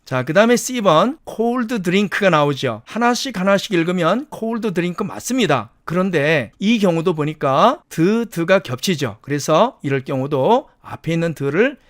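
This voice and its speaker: Man, pronunciation lecture, fairly high voice, dry close sound. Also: sing-song, dry recording. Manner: explains step by step, with slow demonstrations of English words; asks rhetorical questions to check understanding. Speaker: English pronunciation teacher. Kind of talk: lecture explaining pronunciation rules.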